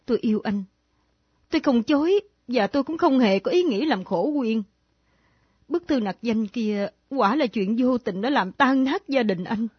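A husky, fairly high voice of a grieving widow in her thirties, pleading and confessing in a radio drama. The old recording is dull and dry. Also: lively intonation, moderate pace, no room sound. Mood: remorseful. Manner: earnest, pleading, tearful confession. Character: grieving widow secretly in love, remorseful.

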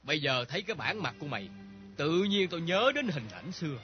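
A sarcastic tough drifter. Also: male voice, fairly high pitch, very animated, fairly quick. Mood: taunting. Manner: sarcastic, taunting. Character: tough, mocking male drifter, adult. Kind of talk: radio drama acting. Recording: dull lo-fi recording with faint music.

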